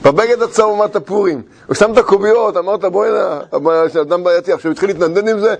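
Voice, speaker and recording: A middle-aged man telling a personal anecdote in casual talk. He is animated and laughs through his story, but halts often, restarting and searching for words. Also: high voice, vocal fry.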